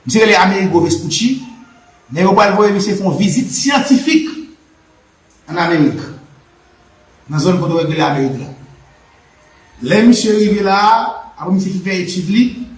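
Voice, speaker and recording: A man's voice: sits high, expressive, moderate pace, long pauses, reverberant, rough recording. A Haitian man with a Haitian Creole accent, hosting a live political and history talk with a fervent, repetitive, preaching cadence. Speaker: channel host.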